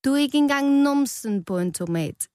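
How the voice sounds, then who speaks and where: A woman's voice: fairly low pitch, completely flat delivery, mellow, dry recording, studio quality, lightly acted. A woman voicing a mocking tomato from a salad bowl who taunts with mock-Italian exclamations. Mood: taunting.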